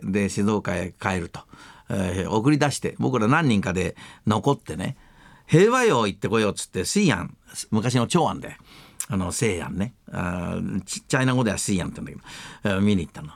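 An older man hosting a radio talk show, telling long rambling stories in rough, casual speech that livens up at the funny parts. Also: fairly low pitch, dry recording.

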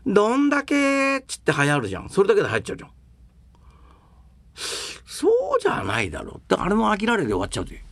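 An older man talking casually and at length about comedy and performing arts, rambling and opinionated, with rough colloquial speech. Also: fairly high pitch, wildly swooping pitch, rapid-fire, long pauses, fairly bright tone, dry recording.

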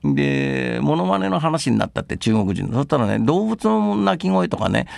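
An older man talking casually and at length about comedy and performing arts, rambling and opinionated, with rough colloquial speech. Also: mid-range voice, big pitch swings, moderate pace, dry recording.

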